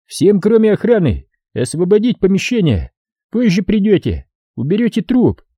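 A brusque male commander barks orders, as a man reading an audiobook puts him on. The voice sits raised and husky over a dark tone. It is recorded close and dry. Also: high-pitched, big pitch swings, normal speed, no echo, voice pushed up, full character voice. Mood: commanding. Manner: barking orders.

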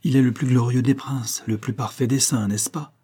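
Brief: ironic proud young woman, read by a man, mellow, husky voice. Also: medium pitch, fairly even intonation, normal speed, close to an everyday voice. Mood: mocking. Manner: mocking, knowing.

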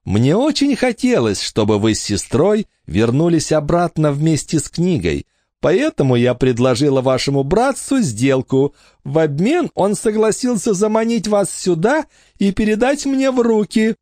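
A male audiobook reader voicing a cold, condescending countess who coaxes and mocks in a smooth, dry studio voice. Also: fairly high pitch, very animated, normal speed, dark tone, no room sound, voice pushed up. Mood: coolly mocking. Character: cold, silky scheming noblewoman, a countess. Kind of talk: audiobook character voice.

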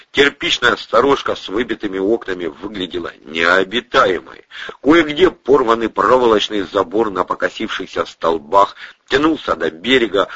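Role: husky male audiobook narrator. Pitch: low. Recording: dull, dry. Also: no room sound. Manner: expressive reader who voices every character.

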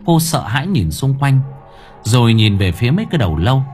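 A man narrating a horror story in a dramatic, expressive way. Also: medium pitch, fairly quick, soft background music. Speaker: audiobook narrator.

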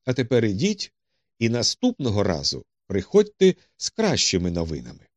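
A man's voice: fairly low pitch, wildly swooping pitch, normal speed, dry recording. A man voicing a cool, dry-witted male detective who speaks tersely and with command.

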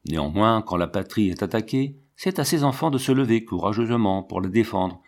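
A man narrating a classic storybook in a steady, measured reading. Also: fairly low pitch. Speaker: audiobook narrator.

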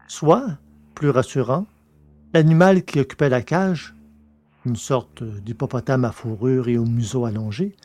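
A man narrates scripted science fiction in the manner of an audiobook, measured and literary. His voice sits in a middle register and is a little mellow.

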